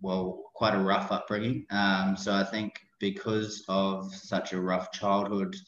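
A man's voice: low-pitched, flat delivery, unhurried, a bit bright, a little hiss or hum. A man chatting casually as an interview guest on a remote call. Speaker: podcast guest, personal trainer. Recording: dull roomy online call audio.

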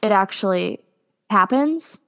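A young woman co-hosting a casual podcast chat, talking with lots of ums and pauses. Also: mid-range voice, expressive, creaky, clear, resonant tone. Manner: chatty, hesitant with many ums. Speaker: podcast co-host.

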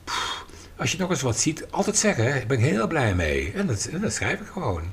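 A man's voice: medium pitch, huge pitch swings, fairly quick, fairly bright tone, breathy edge. A man talking on a podcast, explaining his views with emphasis and acting out little quoted dialogues. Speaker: podcast guest and writer. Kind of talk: conversational podcast talk.

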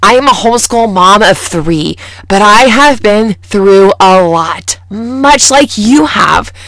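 A woman's voice: medium pitch, expressive, slow pace, fairly bright tone, no room sound. A woman in her thirties hosting a podcast as a mom coach, talking earnestly and enthusiastically about faith and motherhood. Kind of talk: scripted podcast intro and personal story.

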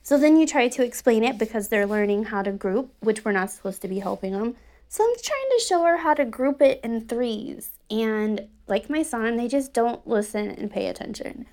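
A woman's voice: on the high side, expressive, moderate pace, a little mellow. A mother in her thirties in a candid personal vlog, talking bluntly and profanely, rambling with many restarts.

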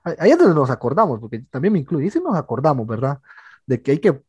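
Un joven tico cuenta anécdotas a sus amigos con energía, subiendo y bajando la voz sin parar. Su tono es algo áspero y más bien agudo. Suena cercano y seco, sin eco de sala. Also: male voice, fairly high pitch, quick pace, breathy edge, no room sound, lo-fi sound. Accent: Costa Rican. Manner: animated storytelling, says "mae" constantly. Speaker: podcast co-host. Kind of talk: casual chat among friends.

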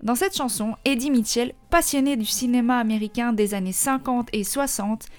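A woman's voice: fairly high pitch, normal speed. A woman with a Belgian French accent hosting a music-history podcast, reading a script and adding chatty, joking asides. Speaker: podcast host.

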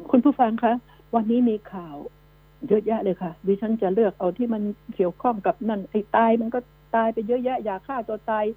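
A woman hosting a radio news commentary show, scolding and emphatic, firing rhetorical questions at her listeners. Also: fairly high pitch. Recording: narrow phone-like radio line with mains hum.

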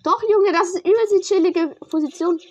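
Young woman streamer, high voice, excitable slangy play-by-play to a teammate. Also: moderate pace. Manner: excitable, slangy, talks to a teammate while playing. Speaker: gamer streamer. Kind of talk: casual gaming commentary.

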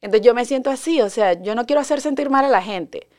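A woman's voice: on the high side, lively intonation, fast, a little mellow. A woman, chatting casually and confidingly as a podcast host. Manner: chatty and confiding, reads friends' messages aloud. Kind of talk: casual solo podcast chat.

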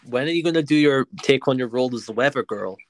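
A man's voice: mid-range voice, fast talker, dry recording. Casual young guy hosting a podcast, cocky and swearing, restarts a lot, mid voice, dry mic. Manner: boastful, swears, trips over his words. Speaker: podcast host. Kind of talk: casual chat.

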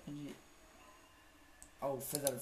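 A man's voice: medium pitch, little pitch movement, a little slow, a crowd in the background. A man doing casual let's-play commentary on a horror game, jumpy, muttering to himself and swearing under his breath. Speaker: gamer playing a horror game. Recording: echoey room with noticeable noise.

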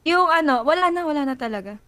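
A woman's voice: sits high, animated, fast, a bit bright, no echo. A woman fitness coach chatting casually and frankly on a livestream, laughing often.

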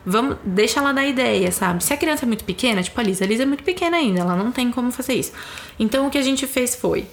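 A woman's voice: fairly high pitch, lively intonation, very fast. A young adult woman with a Brazilian accent, a mother in a casual chat who explains thoughtfully and acts out what she tells her small child. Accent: Brazilian Portuguese. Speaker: mother discussing parenting.

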